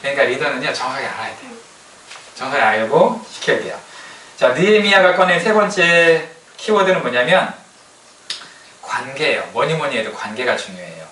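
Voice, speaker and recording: Lively male pastor preaching in a roomy hall. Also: medium pitch, brisk, slight background noise. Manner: lively, colloquial preaching with acted-out quotes. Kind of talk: sermon. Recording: roomy hall sound, distant mic, faint ambience.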